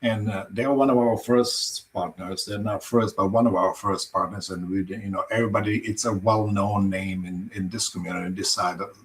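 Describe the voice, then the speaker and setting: A man's voice: lowish voice, steady tone, normal speed, poor audio. A middle-aged man with a Croatian accent, a farm owner telling his story earnestly in a podcast interview.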